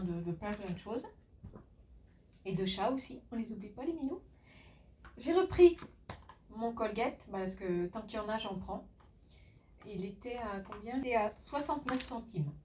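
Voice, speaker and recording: A woman's voice: mid-range voice, recorded from a distance, a little hiss or hum. A woman from France chatting casually through a shopping haul, laughing often and filling her speech with hesitations, recorded on a phone. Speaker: vlogger.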